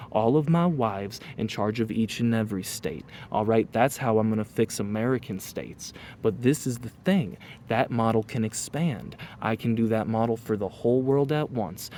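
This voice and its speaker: A man's voice: fairly high pitch, darkish tone, a little hiss or hum. A man delivering a rambling, grandiose monologue full of swearing, slipping into rhymes like a rap. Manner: grandiose, profane, half-rapping in rhymes. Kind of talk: rambling boastful rant.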